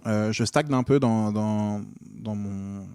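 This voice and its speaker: A man's voice: lowish voice, takes it slowly, dark tone, clear, resonant tone, no echo, clean studio sound. A young man from Normandy chatting casually as a podcast guest, enthusiastic and full of fillers and restarts. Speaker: guest comedian and comedy club organiser.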